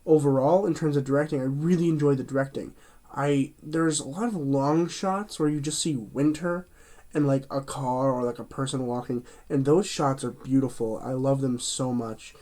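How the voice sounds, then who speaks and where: This man runs a movie review channel and talks casually while nursing a cold, sounding slightly stuffy and nasal. His medium-pitched voice is warm and steady at a normal speed, though he rambles, full of fillers and false starts.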